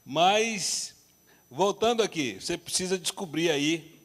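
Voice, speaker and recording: A man's voice: fairly high pitch, expressive, slow, a bit bright. A man teaching a couples workshop at church, telling humorous, self-deprecating stories. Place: church hall. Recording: reverberant church hall.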